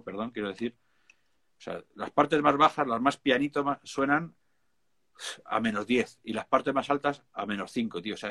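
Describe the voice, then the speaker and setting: A man's voice: mid-range voice, fairly bright tone. Slangy Spanish man talking music production. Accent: Spain Spanish. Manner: chatty, informal, emphatic, peppered with slang. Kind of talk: casual chat.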